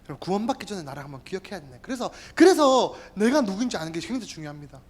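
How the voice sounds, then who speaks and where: Earnest male pastor with lively pitch. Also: rapid-fire. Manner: earnest, exhorting, repeatedly addresses the listeners. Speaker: youth group pastor. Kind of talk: sermon. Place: church. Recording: instrumental music playing behind.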